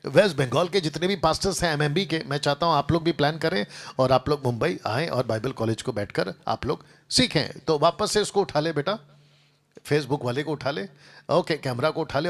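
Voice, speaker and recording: A man's voice: fairly high pitch, a bit bright. A male pastor making announcements and starting a sermon, talking to a seated group and to viewers online. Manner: speaks to a seated group and a livestream audience, repetitive lists.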